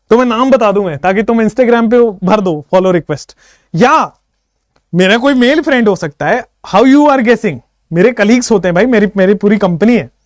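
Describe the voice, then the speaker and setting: A man's voice: high voice, no room sound, studio quality. A man teaching chemistry in a casual online lecture, playful and teasing, mixing in English phrases and chanting memory tricks in a sing-song way. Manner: lively, sing-song when reciting mnemonics.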